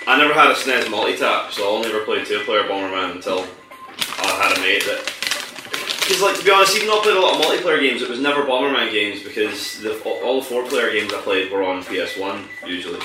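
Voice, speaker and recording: A man's voice: lowish voice, animated, fast talker. A young man chatting casually and at length about games he played, with a rambling, swearing manner. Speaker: podcast co-host playing games. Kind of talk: casual banter while gaming. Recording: echoey room from far off, music behind.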